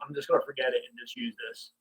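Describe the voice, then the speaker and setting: A man's voice: medium pitch, flat delivery, racing, fairly bright tone. A man co-hosting a casual chat, his voice muffled and distant as if through a wall from another room on a faulty mic, mumbling offhand. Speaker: podcast co-host. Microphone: faulty new microphone on a remote call. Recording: dull, husky lo-fi remote line.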